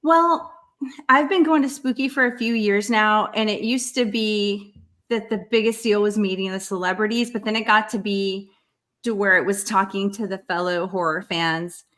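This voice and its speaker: A woman's voice: medium pitch, moderate pace. Lady guest on a podcast, kinda hesitant, says like a lot, medium voice. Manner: relaxed, hesitant with fillers. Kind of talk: casual interview answers.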